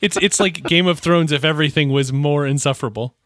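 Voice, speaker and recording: A man's voice: on the high side, a little fast, fairly bright tone, no room sound. A man appearing as a guest on a podcast in casual chat, with dry, understated humor. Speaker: podcast guest, game master.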